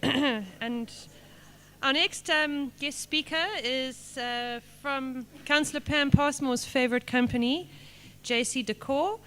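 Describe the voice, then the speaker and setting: A woman hosting an event, introducing the next guest speaker softly with some hesitation. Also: high-pitched, steady tone, slow pace. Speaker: event host.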